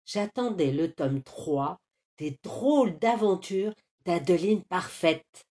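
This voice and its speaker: A woman voicing a stubborn young boy, pleading and insisting in a high voice in a storybook reading. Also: expressive, takes it slowly, dark tone. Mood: insistent. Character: stubborn young boy wanting his book.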